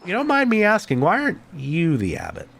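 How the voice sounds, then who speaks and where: A man voicing a curious young artist who questions a monk, pointed and probing, with a lively lift. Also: high-pitched, a little fast, creaky, a little hiss or hum, exaggerated voice.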